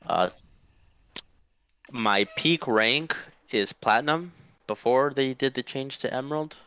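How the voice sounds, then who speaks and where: A man's voice: medium pitch, slow pace, bright, forceful tone, clean tone, no room sound. A young man from Mexico, talking politely and upbeat with his coach, often restarting his sentences. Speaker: student player. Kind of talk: casual chat.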